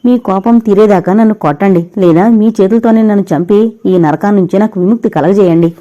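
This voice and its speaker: A woman's voice: mid-range voice, fast, mellow, muffled recording, lightly acted. A woman reading a tearful pleading young wife. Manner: tearful, imploring. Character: grieving young married woman pleading with lost love.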